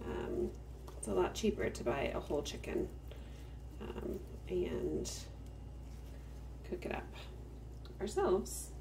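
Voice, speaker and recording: Woman cooking at home, slow step-by-step talk, lively pitch, roomy kitchen sound, off-mic. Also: gravelly, recorded from a distance, background noise. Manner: unhurried step-by-step explaining while working. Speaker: home cook, farmstead channel host. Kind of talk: cook-with-me kitchen demonstration.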